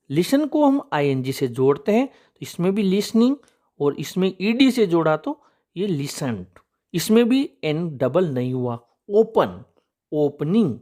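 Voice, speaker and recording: Lively-voiced male English teacher. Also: sits high. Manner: patient, walks through examples step by step; addresses viewers as friends. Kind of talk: explaining spelling rules.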